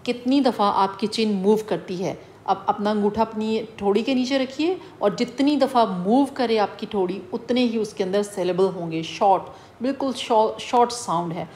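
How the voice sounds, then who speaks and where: A woman teacher with a Pakistani accent explains a poem to students, mixing English terms into her speech and dictating English definitions very slowly. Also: medium pitch, darkish tone. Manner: addresses students as "beta".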